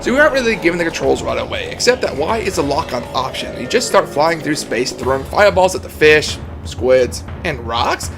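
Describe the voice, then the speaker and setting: A man's voice: on the high side, sing-song, a little fast, gravelly, hardly any pauses. A man giving a comedic video game review in a casual, jokey way with frequent swearing. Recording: music playing behind the voice.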